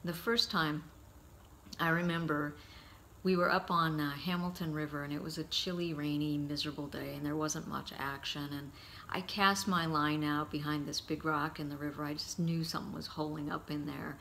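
A middle-aged man giving a heartfelt eulogy, telling stories about his father in a halting, storytelling way. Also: fairly high pitch, fairly even intonation, gravelly, a little hiss or hum. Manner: warm, halting anecdotes with frequent pauses.

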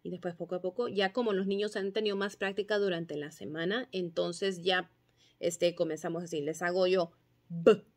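A woman teacher patiently explaining phonics drills and sounding out syllables and letter sounds clearly. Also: on the low side, steady tone, a little fast. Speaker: kindergarten teacher.

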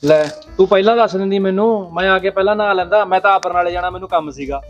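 A man playing a grumbling hurried son. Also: high-pitched, muffled recording, faint music behind, lightly acted. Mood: complaining. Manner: complaining, quick. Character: grumbling grown son in a hurry. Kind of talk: Punjabi village comedy drama.

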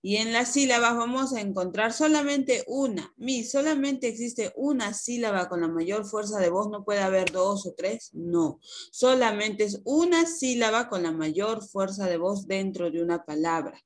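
A woman's voice: medium pitch, expressive, unhurried. Woman schoolteacher on a video call, patient, explains step by step, poses questions to the class and answers them herself. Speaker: primary school teacher. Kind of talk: online class lesson.

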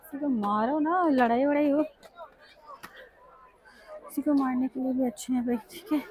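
A woman's voice: sits high, fairly even intonation, normal speed, a little mellow, husky, no echo. A Pakistani woman with a Pakistani Urdu accent, filming a casual shopping vlog on her phone and chatting as she asks stall prices. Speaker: shopping vlogger. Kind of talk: casual walk-through vlog. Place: crowded outdoor street market. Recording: busy crowd noise behind.

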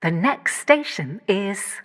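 Lively spliced-together woman's train announcement. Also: takes it slowly. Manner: lively pitch with abrupt jumps between clips. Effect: spliced together recorded words. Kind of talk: automated onboard announcement. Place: train carriage in a video game. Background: train noise and air conditioning.

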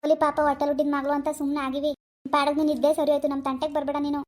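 A woman's voice: high-pitched, monotone, a little mellow, natural voice. A woman voicing a scolding old village mother. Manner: scornful, scolding, rapid rural talk. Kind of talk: cartoon voice acting.

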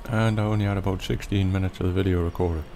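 A man giving relaxed, rambling commentary over a farming game, with lots of ums. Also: low voice, fast, gravelly, slight background noise. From Britain. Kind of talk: casual gameplay commentary.

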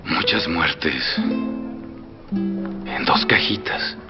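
A deep male voice with a Mexican accent dubs a middle-aged revolutionary general, jovial yet threatening, teasing and erupting into loud laughs as he swings from soft menace to loud outbursts. The delivery is animated and heavily acted, with drawn-out words. Long reverb and faint music fill the dull film soundtrack.

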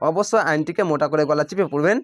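A high-pitched man gives a patient recitation lesson in a Bangladeshi Bengali accent, stretching out sounds slowly and repeating the rules. The recording is dry and close, with no room sound. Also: no room sound. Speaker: Quran reading teacher.

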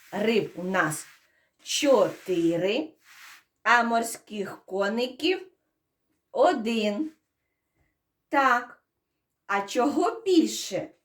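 A woman, a preschool teacher, giving a counting and first-sound lesson to young children, asking questions and prompting answers. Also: on the high side. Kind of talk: early-years counting and phonics lesson.

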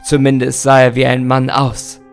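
A man's voice: completely flat delivery, moderate pace, creaky, faint music behind, lightly acted. A man reading aloud, voicing a shaken, haunted man who speaks grimly and heavily. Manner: grim, low and heavy.

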